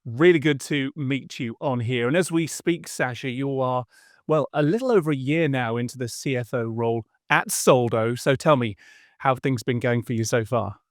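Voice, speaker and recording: A man hosts a business podcast, introducing the show and interviewing his guest in a friendly, conversational manner with some restarts. His medium-pitched voice moves at normal speed, captured with clean studio sound and no echo.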